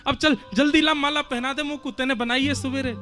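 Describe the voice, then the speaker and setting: An eager young cowherd god, as a storyteller puts him on, calling out high and urgent in a lilt. His voice is pitched well up and pushed louder than the narration, with faint music behind. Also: fairly even intonation, a little fast.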